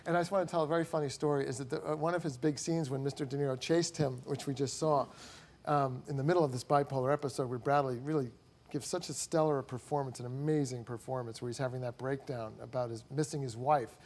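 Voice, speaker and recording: A film director on a talk show, telling an anecdote in an excitable way, laughing often. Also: male voice, mid-range voice, fast.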